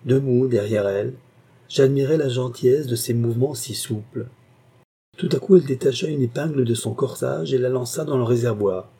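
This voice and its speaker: A man narrating a classic novel in a measured, expressive reading. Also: mid-range voice, breathy edge. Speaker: audiobook narrator. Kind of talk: literary narration.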